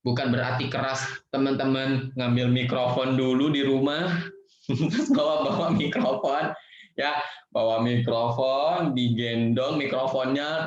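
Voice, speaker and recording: A man with an Indonesian accent, teaching an online lesson for children in a playful, lively way, acting out loud and soft greetings. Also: medium pitch. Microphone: video call. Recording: roomy, dull video-call audio.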